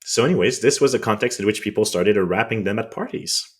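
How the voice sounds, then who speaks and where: A French-accented podcast co-host tells history conversationally and quickly, adding wry, indignant asides. His voice sits on the low side.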